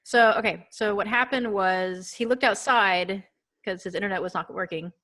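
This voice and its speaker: A woman's voice: mid-range voice, moderate pace, fairly bright tone. A woman from Texas hosting a casual podcast chat, chatty and giggly with many fillers. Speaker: podcast host.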